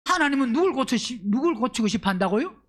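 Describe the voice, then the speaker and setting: A man preaching a Sunday sermon as pastor, firing questions at the congregation and swinging between loud emphatic bursts and low asides. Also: animated, fast. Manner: fires rhetorical questions at the congregation.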